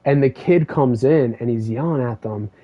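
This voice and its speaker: A man's voice: medium pitch, normal speed. A man streaming a game, chatting casually and rambling through a story with lots of fillers. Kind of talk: casual chat while gaming. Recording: dull lo-fi stream mic.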